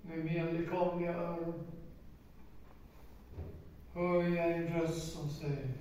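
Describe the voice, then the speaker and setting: A man in his nineties telling a story in a sermon, emphatic and slowing down for weight. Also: a little high, flat delivery, warm tone. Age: 90s. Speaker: preacher. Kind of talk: sermon testimony. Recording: echoey hall, distant mic, faint noise.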